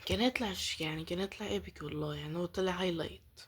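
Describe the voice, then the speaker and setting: This woman's voice is fairly low, slightly rough and very fast. A gaming YouTuber with an Egyptian Arabic accent, she comments casually on play, pleads, mutters prayers and keeps slipping into whispers.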